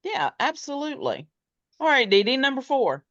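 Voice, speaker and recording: A woman's voice: sits high, very animated, moderate pace, a bit bright, dry recording. A woman co-hosting a casual faith podcast, candid and dryly funny, laughing easily. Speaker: podcast co-host. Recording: dull, slightly muffled sound.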